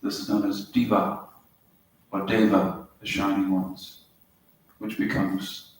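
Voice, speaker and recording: A man's voice: sits low, flat delivery, slow pace. Man teaching in a roomy hall. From Wales. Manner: storytelling, anecdotal, explains words step by step. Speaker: spiritual teacher. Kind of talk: spiritual talk to a small group. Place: yoga center hall. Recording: roomy hall, mic at a distance, faint hiss.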